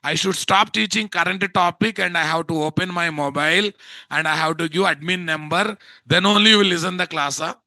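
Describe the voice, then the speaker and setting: A man with a Telugu Indian accent teaching an informal live software class in an exasperated, scolding way, often firing rhetorical questions at his students. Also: a little high, a little fast, no room sound. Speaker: instructor of a software course.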